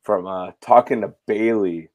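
A hoarse, raspy man whose voice goes in and out, hosting a casual live fishing show. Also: fairly low pitch, fairly even intonation, unhurried, a little mellow, a little hiss or hum. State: hoarse, voice cutting in and out from losing it. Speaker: podcast host.

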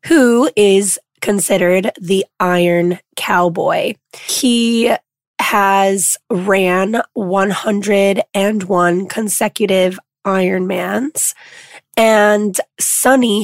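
Hoarse woman podcast host, slow-paced. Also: mid-range voice, dry recording, studio quality. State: hoarse, lost voice. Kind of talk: informal podcast introduction.

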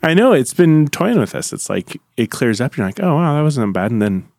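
A man hosting a church podcast in an informal chat, his voice gravelly as he gets over being sick. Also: medium pitch, sing-song, a little fast, a little mellow, dry recording, studio quality. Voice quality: gravelly from a recent illness. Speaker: podcast host. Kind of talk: casual conversational church podcast.

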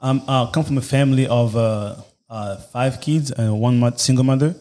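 A man in his early twenties who grew up in Congo, a podcast guest speaking hesitantly with many pauses and fillers. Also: mid-range voice, warm tone. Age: 20s.

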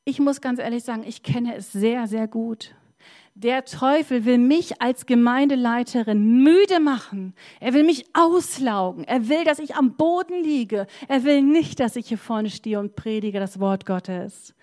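A woman's voice: fairly high pitch, warm tone. A woman pastor preaching a sermon in church, passionate and emphatic, telling a personal story.

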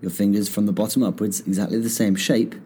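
A man with a lowish voice talks fast while hosting a casual guitar lesson podcast, calmly walking through finger positions step by step. His voice is a little croaky after singing, guitar plays between his phrases, and background noise can be heard.

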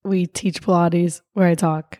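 A woman co-hosting a casual podcast while hoarse from laryngitis, giggling often and saying "like" a lot. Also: fairly low pitch, level tone, a little slow, mellow. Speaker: podcast co-host and Pilates teacher. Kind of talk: casual chat.

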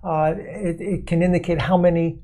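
A man with a mellow, warm voice talks through a topic on a podcast. He explains in a measured, conversational way, now and then slipping into quoted voices. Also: fairly high pitch, little pitch movement. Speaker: podcast co-host explaining investing.

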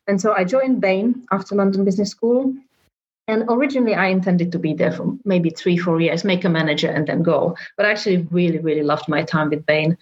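A woman's voice: fairly low pitch, a little mellow. A woman in her forties from the Czech Republic with a Czech accent, speaking as an interview guest and reflecting conversationally with frequent fillers. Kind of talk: casual interview talk. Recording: muffled lo-fi audio.

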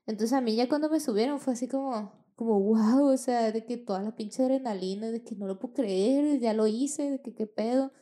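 A woman's voice: on the high side, brisk, few pauses, warm tone. A young woman with a Mexican accent, telling a personal story in casual, slangy, profane chat and acting out the dialogue. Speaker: podcast host.

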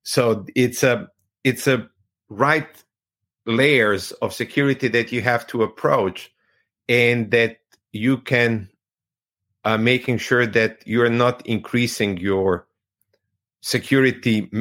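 A man from Croatia, a tech executive giving measured, explanatory interview answers over a video call and sometimes searching for words. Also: medium pitch, steady tone, fairly bright tone.

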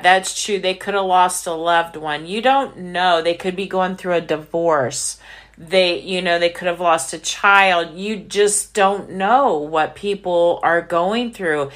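A woman's voice: lowish voice, fairly bright tone. A woman co-hosting a faith-based podcast, talking in an earnest, reflective, casual way. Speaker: podcast co-host.

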